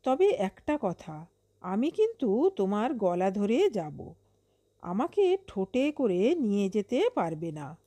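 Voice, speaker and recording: A woman's voice: mid-range voice, big pitch swings, takes it slowly, dark tone, no room sound. A woman playing a shrewd wary storybook crab. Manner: cautious, bargaining.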